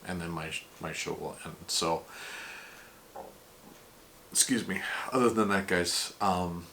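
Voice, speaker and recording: A man hosting his vlog, talking casually and emotionally in a halting, rambling way with many fillers. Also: deep voice, sharp tone, a little hiss or hum. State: emotional, choked up. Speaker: vlog host. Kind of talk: casual tribute vlog talk.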